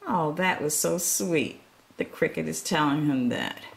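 A woman reading a children's picture book aloud, pausing to sympathize and ask the listeners questions. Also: sits low, creaky. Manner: gentle, asks listeners questions; sympathetic, comments between pages. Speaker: storytime reader.

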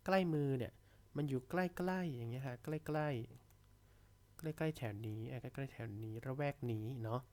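A man teaching an English vocabulary lesson in a chatty classroom manner. He reads sentences out slowly, then explains them quickly. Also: fairly high pitch.

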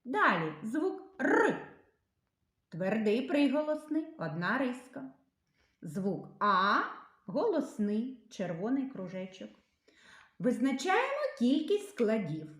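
A woman teaching young children to read and write, enunciating sounds and syllables slowly and clearly. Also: fairly high pitch, very animated, fairly bright tone, roomy sound. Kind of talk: literacy lesson for young children.

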